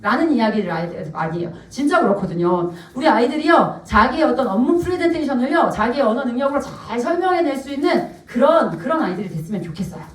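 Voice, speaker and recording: A middle-aged woman with a fairly high voice tells lively personal stories at a parent seminar, laughing often and addressing the audience directly. She is heard from some distance in a roomy, echoing hall. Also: quick pace, hardly any pauses. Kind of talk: live lecture with personal stories. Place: live event hall. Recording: echoey hall, distant mic.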